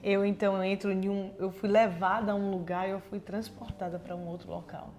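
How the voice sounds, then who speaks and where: A woman's voice: mid-range voice, level tone, fairly quick, darkish tone, a little hiss or hum. A woman missionary telling her personal testimony in an earnest voice, acting out remembered dialogue. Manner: earnest storytelling.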